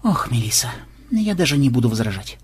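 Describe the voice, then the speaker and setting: A man voicing a stubborn, brash male programmer who barks commands in a husky voice. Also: medium pitch, very animated, a little fast. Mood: rueful. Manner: loud barking commands.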